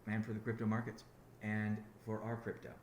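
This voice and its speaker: On a conference call, a company founder delivers a brisk but rambling business update in a fairly low monotone. He restarts his sentences many times and corrects himself along the way. The recording sounds roomy and carries slight background noise.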